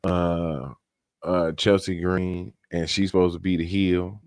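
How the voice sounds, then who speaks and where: A man with a very low voice co-hosting a casual wrestling podcast. He talks in a relaxed, slangy way, drawing out his words. The sound is dry and close. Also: no room sound. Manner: laid-back, slangy, drawn-out. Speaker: podcast co-host. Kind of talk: casual wrestling review chat.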